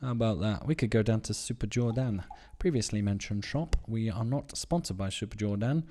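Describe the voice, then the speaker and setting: Sleepy joking man, low mellow voice. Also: brisk. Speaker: podcast co-host. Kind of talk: casual late-night chat.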